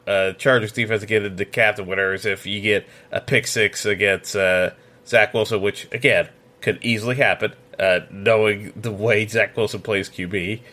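Hosting his sports podcast alone, a man shares betting picks with strong opinions in a loose, casual style, stumbling through fillers and restarts. His voice is on the low side with a sharp edge.

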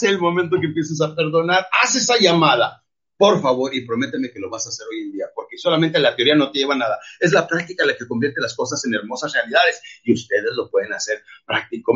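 Guy giving a pep talk, husky and high-ish, preachy, kinda dull recording. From Mexico. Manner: emphatic and preachy, often calls listeners "champions". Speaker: motivational speaker. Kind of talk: motivational talk to an online audience.

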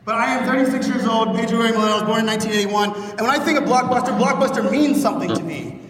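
A man in his thirties from Pittsburgh giving an energetic conference keynote with punchy jokes, recorded on a phone from a stage in a large hall. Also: very high voice, recorded from a distance. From Pittsburgh, Pennsylvania, USA. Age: 30s. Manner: fast, punchy, joking with the crowd. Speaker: keynote speaker.

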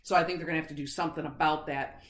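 A woman's voice: low voice, fairly even intonation, racing, roomy sound. A woman co-hosting a casual sports podcast, chatty, interrupting herself and laughing easily. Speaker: podcast co-host.

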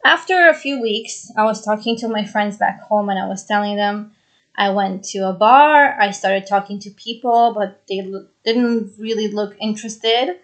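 A Brazilian woman in her twenties who grew up in Israel hosts a solo podcast. Her medium-pitched voice moves at normal speed, earnest and chatty, and she repeats phrases for emphasis.

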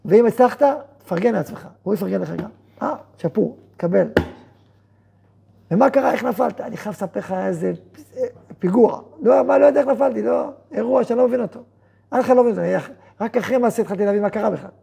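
A rabbi who heads a yeshiva teaches students a Torah lesson, acting out both sides of imagined conversations with rapid rhetorical questions before explaining more softly. His voice sits high and sounds gravelly, with background noise behind it.

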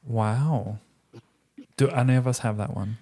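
A woman hosts a casual podcast chat with an unusually deep voice. She moves things along with plain, matter-of-fact questions. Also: steady tone, measured pace, mellow, breathy edge. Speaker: podcast host asking questions.

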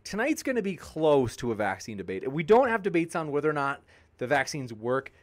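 A man with a fairly high voice hosts a live stream and reads out viewer comments. He jokes with the chat in an upbeat, casual way. He sounds a little tired. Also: big pitch swings, a little fast. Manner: upbeat, joking, reading viewer comments aloud. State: tiring, pausing to drink. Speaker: debate channel host.

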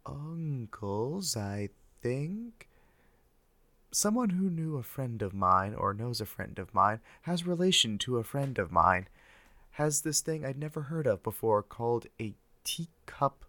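An older man hosting an ASMR podcast, speaking softly and whispering close into the ear in a wry, deadpan ramble. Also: mid-range voice, slow, no echo. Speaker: podcast host. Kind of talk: soft ASMR podcast monologue.

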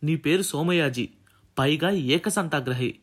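A man's voice: fairly high pitch, a little slow. A male audiobook reader voicing a stern young woman tutor, scolding with contempt. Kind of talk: audiobook character reading.

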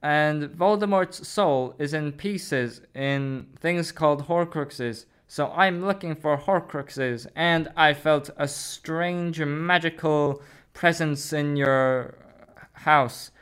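A performer voicing a wise old male wizard headmaster, speaking slowly in a lowered, solemn voice, in pretend play with a small child. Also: fairly bright tone, smooth.

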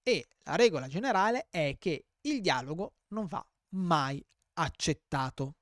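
A man's voice: a little high, lively intonation, a little slow, a bit bright, no echo, clean studio sound. A man hosting his own self-defense podcast, talking solo with joking, self-mocking asides.

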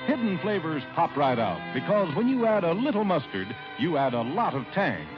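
A man's voice: a little high, very animated, normal speed, highs cut off, music in the background. A man delivering a 1940s radio commercial in a persuasive sales voice, heard from an old broadcast transcription disc. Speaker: commercial announcer.

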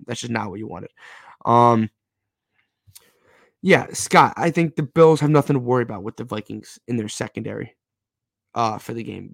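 A man's voice: mid-range voice, gravelly, no echo, studio quality. A man hosting a casual live football fan show, talking in slangy, bro-ish hype and repeating key phrases for emphasis. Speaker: sports show host.

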